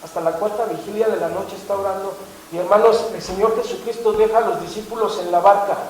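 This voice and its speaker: A man's voice: sits high, steady tone, fast talker, darkish tone, heavy reverb, far from the mic, low-quality recording. A man preaching a sermon as pastor, emphatic, often asking the congregation questions.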